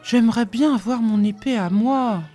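A woman's voice: a little high, normal speed, warm tone, faint music behind, pitched above the performer's own voice, natural voice. A woman reading an eager, impatient young male apprentice in a pleading, protesting storybook voice.

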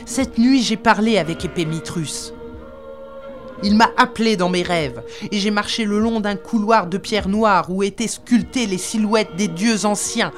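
A woman's voice: mid-range voice, unhurried, faint music behind, pitched above the performer's own voice, lightly acted. A woman voicing a wounded barbarian king who growls and curses in anger, in an audiobook reading. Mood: furious. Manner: growling, cursing. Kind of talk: audiobook character voice.

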